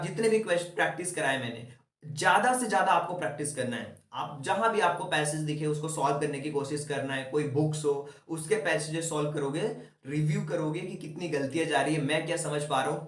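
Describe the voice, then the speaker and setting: A man's voice: on the high side, fairly bright tone, far from the mic. Young male teacher, echoey room. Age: young adult. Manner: chatty and coaching, mixes English terms into Hindi. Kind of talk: exam-prep lesson. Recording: echoey room, voice set back from the mic.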